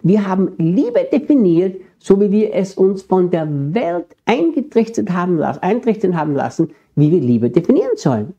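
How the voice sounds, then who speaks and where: Husky Austrian preacher, lively delivery. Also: male voice, high voice, moderate pace, hardly any pauses. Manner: earnest, direct address to the congregation. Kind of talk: sermon. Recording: dull lo-fi sermon recording.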